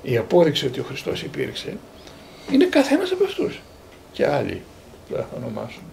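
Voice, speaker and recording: This Greek man in his sixties, a priest and theologian, has a medium-pitched voice with vocal fry, heard over slight background noise. Recalling personal memories, he tells stories with energy, quoting others and repeating words often.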